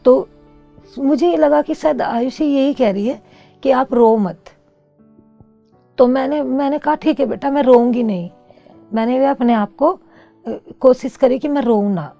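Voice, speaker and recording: A middle-aged woman with a gravelly, dark-toned voice speaks earnestly and reflectively about her personal experiences. The recording is slightly dull, and soft music plays faintly beneath her. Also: high-pitched, unhurried, long pauses. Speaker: interview guest. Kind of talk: personal testimony.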